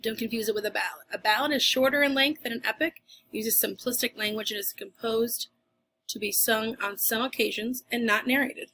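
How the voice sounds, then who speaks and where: A woman teacher talks her students through a recorded lesson. Her voice sits a bit high and sounds crisp and bright. She keeps it chatty, with casual asides and quick restarts. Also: steady tone, slight background noise.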